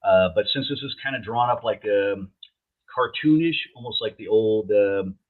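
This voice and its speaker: Low-pitched laid-back stoner guy, muffled recording. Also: normal speed. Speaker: logo artist and co-host. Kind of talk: casual chat. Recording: dull, lo-fi, muffled sound.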